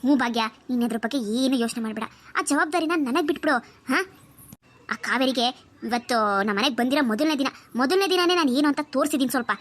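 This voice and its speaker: A woman voicing a scheming older aunt and mother-in-law in a cartoon, speaking in a low, bossy, conniving way. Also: fast. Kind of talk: Kannada cartoon voice acting.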